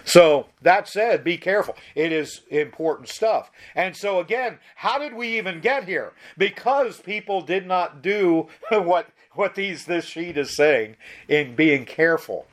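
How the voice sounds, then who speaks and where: A man's voice: sits high, expressive, a little slow. A man preaching a sermon, reading Bible verses aloud and explaining them in an emphatic, conversational way with frequent restarts.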